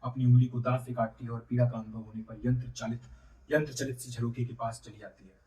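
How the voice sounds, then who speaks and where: A man's voice: medium pitch, level tone, fast talker, dark tone. Man reading a play aloud, echoey and distant. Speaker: reader. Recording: roomy, distant from mic.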